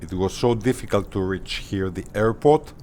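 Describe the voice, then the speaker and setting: A man hosting a flight simulator channel, talking casually in deliberate, formal phrases with hesitant pauses. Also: fairly low pitch, mellow, a little hiss or hum. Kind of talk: casual tutorial commentary.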